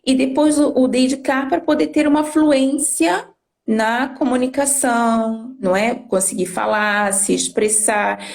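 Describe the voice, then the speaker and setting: Woman explaining patiently, slightly high voice. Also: a little slow, creaky. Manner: didactic, frequent tag questions. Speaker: Spanish language teacher. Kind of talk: live-stream explanation.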